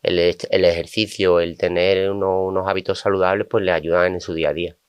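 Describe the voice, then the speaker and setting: Smooth, low-voiced Spanish coach. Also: male voice, fairly quick, no room sound. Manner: animated, quotes clients in asides. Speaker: coach and guest. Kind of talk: conversational storytelling.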